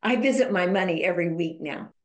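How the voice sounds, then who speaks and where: Lowish, candid woman storyteller, roomy sound. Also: fairly quick. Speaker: podcast guest. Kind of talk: conversational storytelling interview. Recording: roomy echo.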